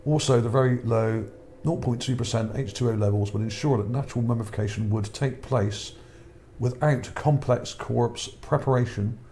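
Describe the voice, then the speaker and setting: A mid-range, gravelly, dark-toned male voice belongs to a channel host whose voice is starting to wear out. He reads his article casually over images, rambling, repeating words and checking in with "okay?", with slight background noise.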